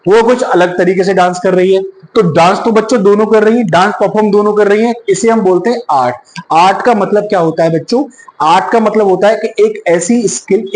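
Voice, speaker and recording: A man's voice: high voice, reverberant, rough recording. A male teacher lecturing to students, often checking in with "yes or no" questions. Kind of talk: classroom lecture.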